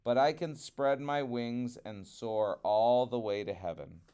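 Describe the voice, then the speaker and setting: Sly storybook trickster vulture, acted by a man: scornful, taunting, unhurried, clean-toned. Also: medium pitch, warm tone, clean tone, close to an everyday voice. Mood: mocking, boastful. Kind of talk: storybook character voice.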